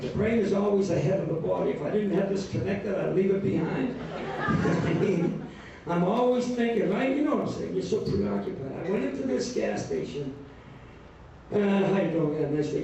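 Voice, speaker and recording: A man's voice: high-pitched, vocal fry. Wry man in his sixties doing stand-up. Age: 60s. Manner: wry, mocking, jokey storytelling. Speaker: stand-up comedian. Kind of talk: stand-up routine. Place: live comedy venue with an audience. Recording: echoey, muffled live room recording from far off, crowd laughing.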